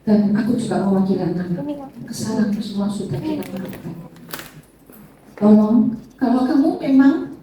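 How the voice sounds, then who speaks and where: A woman's voice: dark tone, a little hiss or hum. A middle-aged woman giving an emotional testimony sermon, addressing her listeners directly. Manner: addresses listeners as "saudara", acts out tearful prayers in a high voice. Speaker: church testimony speaker. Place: church hall. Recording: echoey church hall, distant mic, faint ambience.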